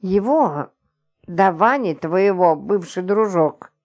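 Woman voicing a shrill coarse wife, mocking, scolding, storybook audiobook. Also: expressive, slow, darkish tone, muffled recording, full character voice. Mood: scornful. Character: brash scornful middle-aged wife, loud and coarse.

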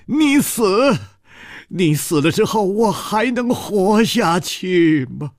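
A man's voice: a little high, huge pitch swings, slow, darkish tone, breathy edge, dry recording, clean studio sound, voice pushed up, full character voice. A man doing a frantic, anguished young swordsman. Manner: raised, frantic, trembling.

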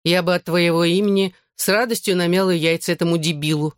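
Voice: medium pitch, fairly even intonation, fast talker, no room sound, clean studio sound, close to an everyday voice. A reader voicing a blunt, mocking teenage girl in an audiobook. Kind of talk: audiobook character voice.

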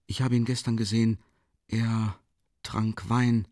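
A man voicing a withdrawn young man in an audiobook, subdued and halting, with hesitations. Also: lowish voice, level tone, a little mellow, no echo, clean studio sound, natural voice. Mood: hesitant. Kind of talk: audiobook character reading.

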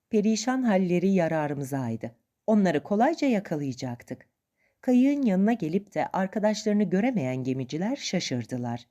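A woman's voice: lowish voice, dark tone, muffled recording. A woman reading a first-person adventure story aloud as narrator, with dramatic expression.

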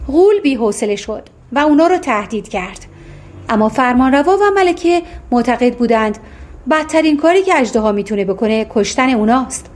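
A woman narrating a fairy-tale audiobook in an expressive storytelling manner. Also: on the high side.

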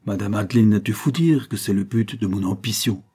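A man's voice: lowish voice, a little fast, dark tone, breathy edge. A man reading an audiobook voices a good-humored, effusive older father who is devoted to his mother. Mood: earnest.

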